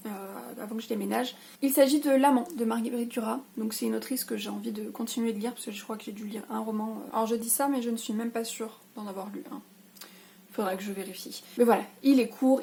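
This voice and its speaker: A woman's voice: fairly high pitch, a little mellow. A young woman chatting casually about her reading plans, hesitating often with fillers. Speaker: book vlogger. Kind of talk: casual reading-list vlog.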